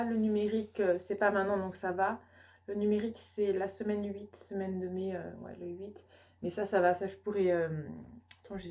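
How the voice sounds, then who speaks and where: A woman's voice: mid-range voice, a little mellow. A young woman from France talks in a loose, casual vlog style. She sounds tired and rambles along. Her sentences are full of fillers and false starts. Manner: rambling, many fillers and restarts. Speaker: vlogger, student mother.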